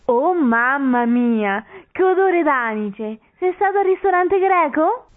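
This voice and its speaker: A woman's voice: sits high, expressive, slow. A woman playing a flirty naive princess. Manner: sugary and theatrical. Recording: tinny phone-like sound.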